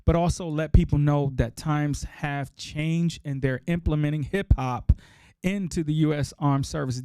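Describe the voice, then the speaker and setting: A man's voice: a little high, creaky, warm tone, no room sound, studio quality. A middle-aged man hosting a podcast, talking casually and emphatically to listeners, repeating key points for effect. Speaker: podcast host.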